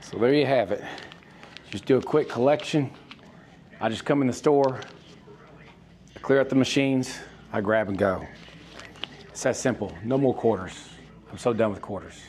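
A man's voice: medium pitch, moderate pace, pauses often, darkish tone. A man casually demonstrating a task for a vlog in an upbeat way inside a laundromat. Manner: upbeat, punctuates steps with "bam". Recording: clear background noise.

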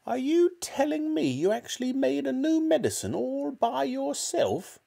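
A reader voicing a scrawny, bad-tempered old grandmother who shouts boastfully and scornfully in a children's storybook. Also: high voice, big pitch swings, a little slow, vocal fry, pitched above the performer's own voice, full character voice. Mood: scornful, suspicious.

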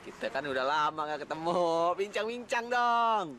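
A man's voice: medium pitch, brisk, slight background noise. An actor playing a cheeky young man who teases his friends while playing matchmaker. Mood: teasing. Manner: teasing, boastful, lively banter. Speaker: actor in comedy drama.

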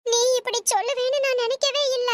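A woman's voice: extremely high pitch, fairly even intonation, a little fast. A woman voicing a hurt, earnest middle-aged neighbor in a cartoon, pleading.

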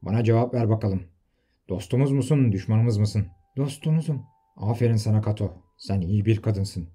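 Man reading a gruff old soldier, low dark voice, stern. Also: moderate pace. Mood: commanding. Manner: stern, scolding.

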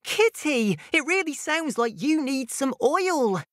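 A woman's voice: sits high, very animated, slow, no echo, clean studio sound, pitched above the performer's own voice, heavily acted. A woman voicing a cheerful robot unicorn. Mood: cheery. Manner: bright and encouraging.

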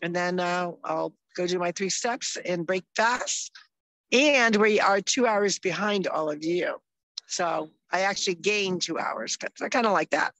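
A woman's voice: fairly low pitch, a little slow, fairly bright tone, no room sound, rough recording. Woman co-host, chatty and upbeat, casual chat, dry close sound. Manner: chatty, upbeat, loses her train of thought. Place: outdoors in the mountains.

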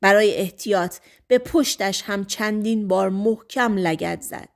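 A woman narrating an audiobook in a scripted, dramatic reading. Her voice sits at a mid pitch. She drops almost to a whisper at tense moments. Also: gravelly.

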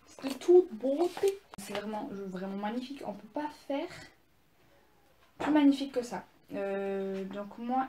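A woman's voice: mid-range voice, warm tone, roomy sound, a little hiss or hum. A young woman casually showing her presents, chatty and gushing, with many fillers and restarts. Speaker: vlogger. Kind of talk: casual haul video.

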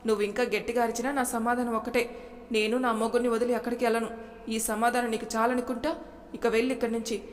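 A woman voicing a bold, sharp-tongued young wife who scolds and mocks, in a storybook reading. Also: a little high, level tone, fast, long reverb tail, natural voice. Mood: defiant.

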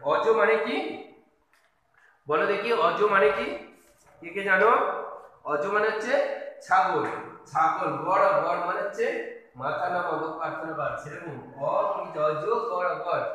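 A man's voice: high voice, normal speed, pauses often, pushed and bright. A man teaching a kindergarten video lesson, patiently spelling out letters and words one by one. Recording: echoey room from a distance.

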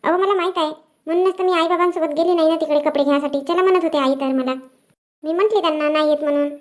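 A woman playing a sharp-tongued village woman who quarrels and talks back fast in a comedy sketch. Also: sits high, fairly even intonation, dry recording, lightly acted. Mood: chatty. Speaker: sketch actress.

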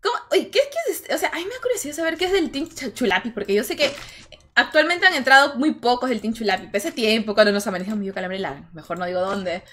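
High, bright-voiced gaming streamer woman. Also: animated, quick pace. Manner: chatty and joking, thanks viewers and reacts to play. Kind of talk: casual livestream chat while gaming.

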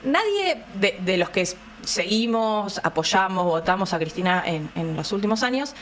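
A woman's voice: mid-range voice, very animated, normal speed, fairly bright tone, slight background noise. Argumentative Argentine woman on a panel. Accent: Rioplatense Argentine. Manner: questioning, argumentative. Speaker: political panelist. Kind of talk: panel debate.

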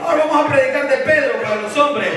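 A man from El Salvador preaching a fiery sermon as pastor, shouting and calling on the congregation to answer. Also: extremely high pitch, quick pace, recorded from a distance, over a noisy crowd, very noisy. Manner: preaches with shouted calls and call-and-response. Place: large church hall. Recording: echoey hall, mic from afar, congregation.

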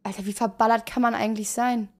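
A woman streamer doing excitable, slangy livestream reaction commentary. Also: a little high, quick pace.

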